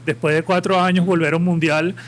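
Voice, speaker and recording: A man's voice: fairly high pitch, level tone, fairly quick. A man with a Colombian Caribbean coast accent, talking as a guest on a live podcast in an impassioned, opinionated, rambling way. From Colombia, Caribbean coast (Santa Marta). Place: live podcast event with audience.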